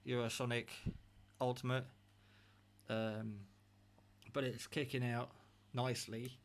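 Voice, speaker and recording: Indoors at his home table, a man demonstrates radio equipment, rambling chattily and modestly as he tests it, with a slow, medium-pitched voice that stays fairly flat. An off-screen operator films him on a handheld phone camera.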